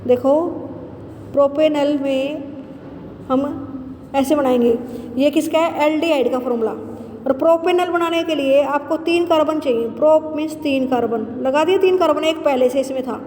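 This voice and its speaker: A woman teacher giving a chemistry lesson, asking questions and answering them herself, repeating key terms slowly. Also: high-pitched, darkish tone, a little hiss or hum. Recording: roomy echo with long reverb.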